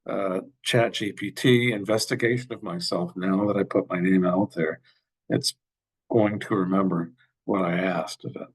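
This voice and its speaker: A man giving a workshop over a video call, answering questions with halting speech and frequent fillers. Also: low-pitched, steady tone, breathy edge. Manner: halting, many fillers and restarts. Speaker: workshop presenter. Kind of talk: webinar Q&A.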